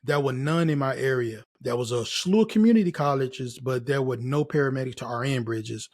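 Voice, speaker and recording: A middle-aged American man, a host and nursing career mentor, gives casual motivational advice to camera. He's emphatic and encouraging, repeating key phrases, in a brisk, mid-range voice with a darkish tone.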